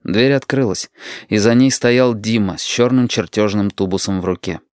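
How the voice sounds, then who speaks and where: A man narrating an audiobook with expressive storytelling. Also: on the low side, normal speed, clear, resonant tone, dry recording, clean studio sound. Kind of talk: scripted narration.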